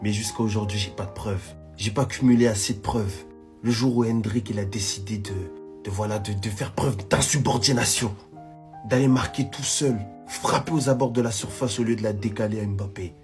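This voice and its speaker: A man's voice: lowish voice, normal speed. A man giving casual social media football commentary in French street slang, peppered with youth expressions. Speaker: football content creator. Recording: music playing behind the voice.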